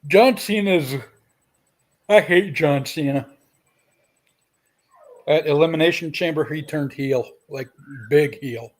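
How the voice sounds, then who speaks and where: A man's voice: on the high side, slow pace, long pauses. A man co-hosting a podcast, casually chatting and correcting the other speaker's facts. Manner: contradicting, fact-checking. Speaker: podcast co-host. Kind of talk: casual chat.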